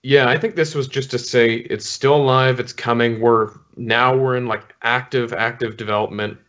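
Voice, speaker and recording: A man's voice: mid-range voice, steady tone, normal speed, a bit bright. A man co-hosting a casual gaming chat show, reacting with short blunt and sweary remarks. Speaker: podcast co-host. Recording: dull lo-fi stream audio.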